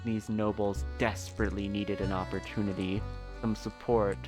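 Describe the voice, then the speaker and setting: A man's voice: on the low side, little pitch movement, moderate pace, music in the background. A man streaming a story game, reading narration aloud and reacting with swearing and laughter. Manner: laughing, swearing, exaggerated outbursts.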